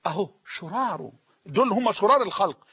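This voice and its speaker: A man preaching a sermon-style lesson with an Egyptian Arabic accent, emphatic, slowing down to repeat sayings so listeners can write them down. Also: sits high, animated, pushed and bright, breathy edge, lo-fi sound.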